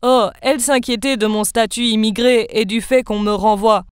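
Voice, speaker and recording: A woman voicing an immigrant makeup artist who speaks in slow, broken phrases in an animated story. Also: fairly high pitch, clean tone, no room sound, studio quality, lightly acted. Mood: confiding.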